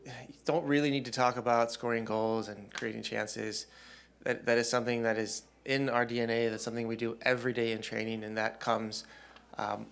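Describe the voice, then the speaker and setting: At a postgame press conference, a head coach in his forties answers questions into a desk mic on a stand in a press room. His voice sits at an ordinary middle pitch, a bit bright with some vocal fry. He responds steadily and thoughtfully, pausing often with ums.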